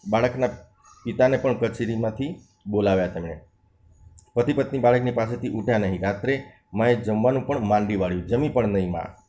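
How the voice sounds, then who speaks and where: A man's voice: fairly low pitch, brisk, warm tone. Man explaining a story line by line. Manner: reads a passage, then restates and glosses words; acts out dialogue lines in a shifted voice. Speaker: teacher. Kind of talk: reading and explaining a textbook story.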